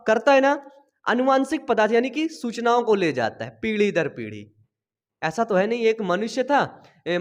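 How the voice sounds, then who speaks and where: A young man teaching biology in an energetic lecture, asking questions and answering them himself, with playful everyday examples. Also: very high-pitched. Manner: lively, keeps asking and answering his own questions.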